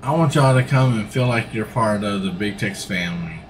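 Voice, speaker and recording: A middle-aged man with a lowish, lively voice talks at normal speed, easygoing and rambling as he plays a farming game on a livestream. He sits in a gaming seat in a room at home, and there's slight background noise.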